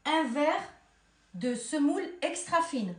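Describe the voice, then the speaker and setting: A cooking channel host with a Tunisian accent gives a relaxed tutorial in her home kitchen, chatting warmly with viewers and calling them her girls and children as if they were her own. Her voice is high, very animated, and slow. The recording has an echoey kitchen sound with faint noise.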